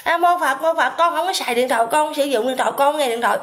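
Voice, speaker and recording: A woman's voice: sits high, very fast, pitched above the performer's own voice, lightly acted. A woman mimicking a meek male monk who piously insists he never uses a phone. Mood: mock-pious.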